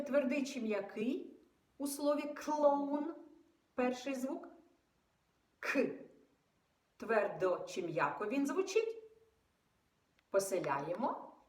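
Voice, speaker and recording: A woman teaching young children in a patient, exaggerated sing-song voice, pausing for them to answer. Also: high voice, darkish tone, echoey room. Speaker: preschool teacher.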